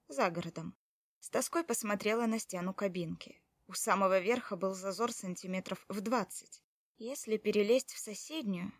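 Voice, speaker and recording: A woman narrating a story in the first person as a heroine, in an expressive, emotional reading. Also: medium pitch, dry recording, studio quality.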